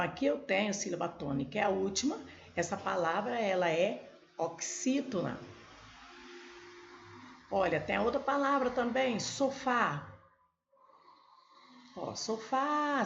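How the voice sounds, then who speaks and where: A woman's voice: medium pitch, vocal fry, echoey room, muffled recording, a little hiss or hum. A Brazilian woman teaching a Portuguese grammar lesson for exam prep, explaining step by step and talking straight to her viewers. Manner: slow, explanatory, addresses viewers directly.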